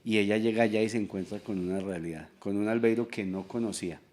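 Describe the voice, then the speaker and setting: A man's voice: on the low side, steady tone, fast, a little mellow. A man giving a reflective, confessional testimony with hesitant restarts. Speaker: testimony guest. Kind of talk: casual spoken testimony.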